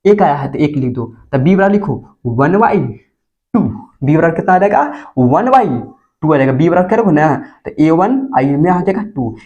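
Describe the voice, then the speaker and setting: A man's voice: sits high, darkish tone, lo-fi sound. A male teacher, giving a chemistry lesson for board exam students. He keeps putting questions to the class and answering them himself. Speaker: school teacher.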